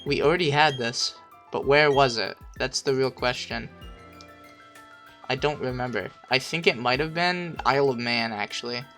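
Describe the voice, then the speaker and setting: A man streaming a game, thinking aloud, swearing constantly, second-guessing himself and bursting into loud excited shouts. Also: mid-range voice, moderate pace, faint music behind. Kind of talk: casual gameplay commentary.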